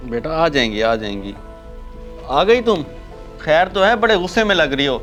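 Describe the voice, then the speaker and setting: A poor, worried laborer questions his wife with concern, played by a man in a slightly raised voice. Clear music plays behind him. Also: a little high, sing-song, normal speed, a bit bright. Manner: anxious, questioning. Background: background music.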